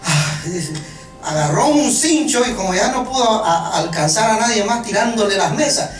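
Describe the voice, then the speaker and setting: A preacher giving a joking, animated sermon, often stumbling over repeated words. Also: medium pitch. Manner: animated, joking, halting restarts. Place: church hall. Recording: echoey room from far off, music behind.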